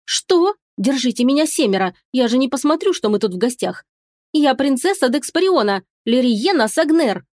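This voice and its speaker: A woman's voice: on the high side, animated, fairly quick, dry recording, clean studio sound, natural voice. A woman voicing a feisty, theatrical young princess who exclaims and plays at tears, in an audiobook. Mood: indignant. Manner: loud, exclaiming, mock-tearful. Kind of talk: audiobook character reading.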